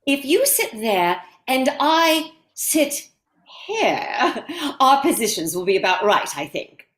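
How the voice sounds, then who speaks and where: A woman's voice: on the high side, very animated, slow pace, fairly bright tone, heavily acted. A woman playing a gushing, imperious society lady in a stage play reading, with an affected theatrical manner. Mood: gracious. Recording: echoey room.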